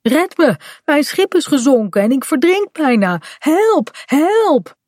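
A woman doing an excitable little boy. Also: a little high, unhurried, dry recording, studio quality. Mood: mock panic. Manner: eager, squealing cries for help. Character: shy but excitable young boy.

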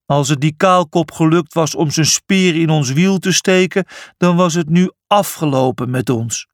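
A man's voice: a little high, unhurried, no echo, clean studio sound, natural voice. A man voicing an angry hoofed animal who roars in indignation. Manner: roaring, indignant.

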